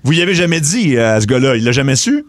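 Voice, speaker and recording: A man's voice: medium pitch, very animated, fast, no echo. A man with a Quebec French accent hosting a radio call-in show, chatty and encouraging toward callers. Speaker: radio host.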